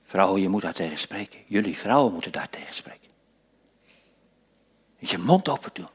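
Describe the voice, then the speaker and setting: Dutch-speaking pastor preaching, lively pitch. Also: male voice, normal speed, husky. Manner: swings from hushed whispers to loud raised preaching. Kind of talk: sermon.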